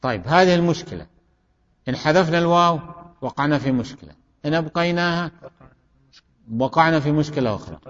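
Male teacher, drills students with questions, slightly high voice, dull recording from a classroom. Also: lively intonation, fast talker, long pauses, a bit bright. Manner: questioning, repeats student answers. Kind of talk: classroom grammar lesson. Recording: dull recording in a reverberant hall.

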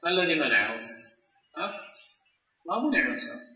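A man teaching a classical Arabic grammar lesson, explaining slowly, chanting examples and quizzing his students. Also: on the high side, big pitch swings. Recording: echoey lo-fi recording from far off in a hall.

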